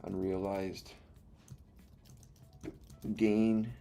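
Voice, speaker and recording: Low-voiced man live-coding, with hiccups. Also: little pitch movement, drawn-out words, creaky, mellow, a little hiss or hum. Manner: mutters code steps aloud, then explains in a rambling, self-correcting way. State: has the hiccups. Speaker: livestream host. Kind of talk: live coding stream, thinking aloud. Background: faint music and keyboard typing.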